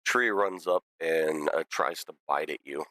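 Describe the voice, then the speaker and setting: A man narrating a tabletop game as dungeon master, slow and low. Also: heavy background noise.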